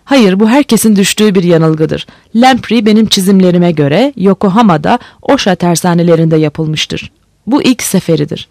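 A reader voicing a male ship owner who speaks calmly with dry irony. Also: medium pitch, moderate pace, vocal fry, no room sound. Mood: cool.

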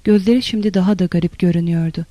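Warm, dry audiobook narrator. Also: medium pitch, racing, dry recording.

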